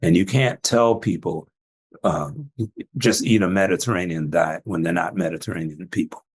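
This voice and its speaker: An older physician from a Jamaican family, trained in Atlanta, chats casually as a podcast guest. His low, gravelly voice has a husky edge, and he tells stories at a moderate pace, laughing often.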